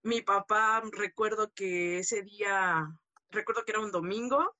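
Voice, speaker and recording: A woman shares a personal story as an interview guest. Her voice is bright and clear, and the sound is close and dry. She talks candidly, tagging her sentences with little questions and fillers. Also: medium pitch, measured pace, dry recording.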